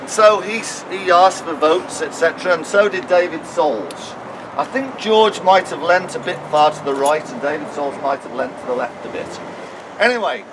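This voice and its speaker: A man's voice: on the high side, moderate pace. A man giving a walking tour as a town crier, telling stories in a theatrical, projected way with rhetorical questions, recorded outdoors. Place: outdoors on city streets. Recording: very noisy outdoor street recording.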